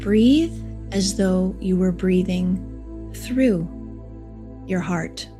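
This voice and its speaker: A woman reading a guided meditation softly and soothingly, in short unhurried phrases with long pauses. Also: lowish voice. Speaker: live stream meditation host. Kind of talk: slow guided meditation, read from a script. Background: New-age music.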